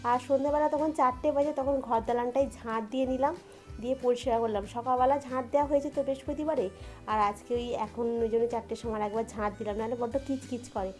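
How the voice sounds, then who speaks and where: A woman's voice: a little high, steady tone, fast, echoey room, soft background music. Chatty woman vlogging at home. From India. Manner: chatty, keeps turning to viewers with "you know". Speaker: daily vlogger. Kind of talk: casual vlog narration. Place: home kitchen, indoors.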